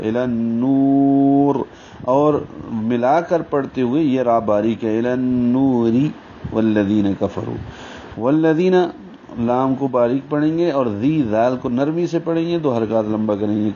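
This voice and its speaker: A man teaching Quran recitation rules step by step, breaking into slow, drawn-out chanted recitation for each example. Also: mid-range voice, a little mellow. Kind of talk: tajweed lesson with recited examples. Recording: dull lo-fi recording with faint hiss.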